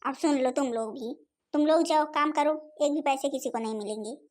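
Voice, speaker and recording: A woman voices a stingy old village grandmother who scolds and refuses everyone in a home-made cartoon. Her sharp-tongued nagging comes out in a very high, thin voice. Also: a little fast, close to an everyday voice. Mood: scolding.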